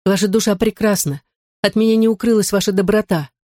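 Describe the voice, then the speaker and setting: A man's voice: high voice, steady tone, a little fast, darkish tone, no echo, clean studio sound, voice pushed up, close to an everyday voice. A man reading an audiobook, voicing an earnest, devout young noblewoman in love. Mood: earnest pleading. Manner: earnest, pleading.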